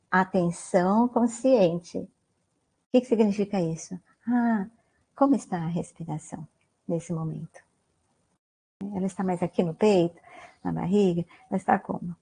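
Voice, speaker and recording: A husky, gravelly woman with a fairly low, dark voice talks at normal speed. As a guest lecturer on mindfulness, she delivers an online talk in a Brazilian Portuguese accent, keeping it conversational with many "né?" tags and questions for the audience.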